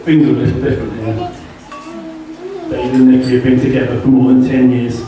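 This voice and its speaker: A man giving a joking best man speech in deadpan delivery at a wedding reception. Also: mid-range voice, a little fast. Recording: echoey hall from far off, laughing crowd. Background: guests laughing.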